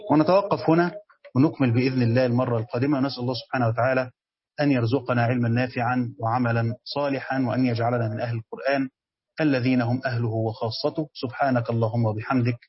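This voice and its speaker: Fast-talking Egyptian man teaching. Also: medium pitch, steady tone, muffled recording. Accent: Egyptian Arabic. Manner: reads text aloud then explains it in colloquial speech. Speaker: teacher giving a tafsir commentary. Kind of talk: religious lesson commentary.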